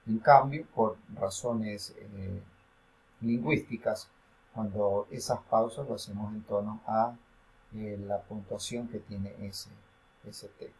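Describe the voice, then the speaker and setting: A man's voice: lowish voice, fairly even intonation, takes it slowly, creaky, a little mellow, rough recording. A male university lecturer explaining reading and intonation, with frequent fillers and self-corrections. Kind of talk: recorded academic lecture.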